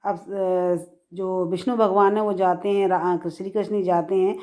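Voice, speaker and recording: Slow, deliberate woman teaching Hindi. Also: little pitch movement. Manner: slow, deliberate explaining, repeats key phrases; recites verse examples higher and louder. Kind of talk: grammar lesson.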